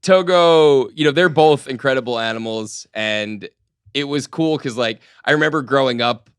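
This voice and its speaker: A man's voice: mid-range voice, moderate pace, fairly bright tone, smooth, no room sound, clean studio sound. A young man co-hosting a casual pet-care podcast, playful and jokey, chiming in often. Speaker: podcast co-host. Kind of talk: casual chat.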